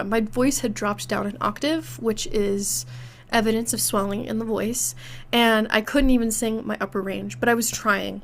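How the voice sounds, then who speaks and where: Congested young woman teaching singing. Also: a little high. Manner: clear, instructive and reassuring. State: congested from a cold. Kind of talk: online singing lesson.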